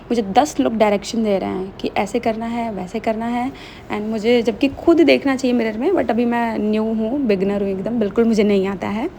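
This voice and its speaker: A woman's voice: on the high side, steady tone, normal speed, creaky, mellow, slight background noise. A young woman chatting casually in a vlog voice-over, slipping English phrases into her talk. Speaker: vlogger.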